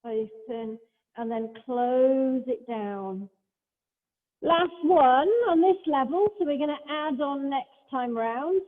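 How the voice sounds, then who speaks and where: A high-voiced woman talks a Pilates class through each move, calm and step by step, chatting between cues. Her voice rings with a long hall echo and comes through a thin, phone-like line. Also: slow pace. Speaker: Pilates instructor. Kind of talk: guiding an exercise class. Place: large hall, class streamed over a video call.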